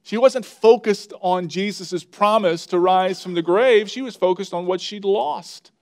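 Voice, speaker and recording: A man's voice: high voice, measured pace, a little mellow. A man preaching a sermon as pastor, earnest and conversational, building emphasis as he makes his points.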